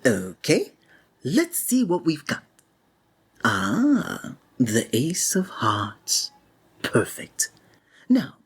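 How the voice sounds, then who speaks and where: A woman plays a flamboyant, sinister male stage magician in an ASMR roleplay, using a deep, heavily acted voice. Her speech is breathy, honeyed, flowery, and theatrical, and it often drops into a whisper.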